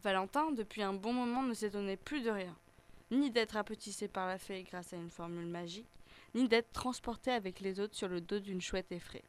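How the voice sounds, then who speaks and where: A woman narrating a children's story in a gentle, measured reading voice. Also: medium pitch, clear, resonant tone.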